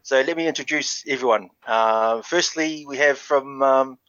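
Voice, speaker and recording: A man hosting a casual rugby podcast in a matey, relaxed way. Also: medium pitch, moderate pace, dry recording. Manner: relaxed, matey, calls guests brother. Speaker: podcast host. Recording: dull lo-fi audio.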